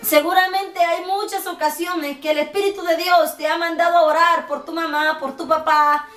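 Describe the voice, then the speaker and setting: A woman's voice: very high voice, steady tone, moderate pace, fairly bright tone, recorded from a distance. A woman giving a fervent religious testimony and calling her listeners brethren. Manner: fervent, preacherly, keeps addressing listeners as brethren. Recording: roomy sound, voice off-mic.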